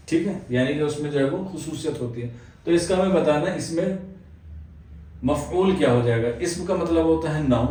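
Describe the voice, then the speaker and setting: Here a male Urdu coaching teacher, slightly high-voiced and warm, goes through an exam answer key one step at a time. He keeps leaning on a single filler phrase throughout. The recording is off-mic, with heavy room echo.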